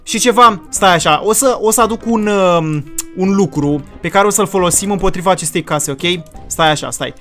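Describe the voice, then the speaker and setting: A man with a bright, high voice gives excited commentary over his gameplay. He talks theatrically and throws in English exclamations. Faint music sits underneath. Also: few pauses. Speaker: gaming video creator.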